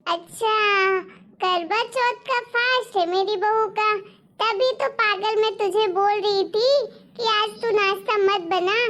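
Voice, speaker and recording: A woman's voice: very high voice, a bit bright. A woman voicing a teasing, affectionate older mother-in-law who scolds playfully and insists on having her way in a cartoon story.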